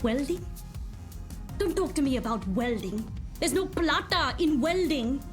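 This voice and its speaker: High-voiced, scornful workshop boss. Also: female voice, lively intonation, unhurried, soft background music. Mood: scornful, exasperated. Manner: caustic, sarcastic, ranting. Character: foul-mouthed, scornful female boss of a robot workshop. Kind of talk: video game character acting.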